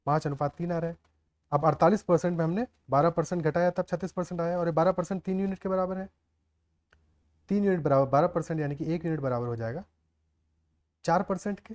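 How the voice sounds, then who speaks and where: In a slightly high voice with a darkish tone, a man teaches maths step by step. He talks through the work aloud, often stopping to ask the class "clear?" or "okay" to see if they follow.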